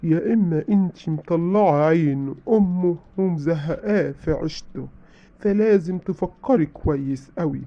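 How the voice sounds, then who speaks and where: A man's voice: fairly high pitch, moderate pace, dry recording. A man with an Egyptian accent giving blunt relationship advice in a lecturing, preachy way. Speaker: advice giver. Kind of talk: direct advice monologue. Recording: dull lo-fi sound.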